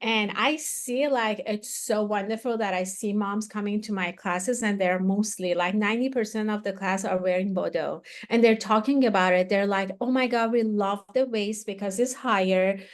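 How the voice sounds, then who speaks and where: This woman, an Iranian activewear founder in her 40s, keeps up a moderate pace with few pauses while chatting as an interview guest. Her mid-range voice carries the casual talk, which is full of fillers and restarts.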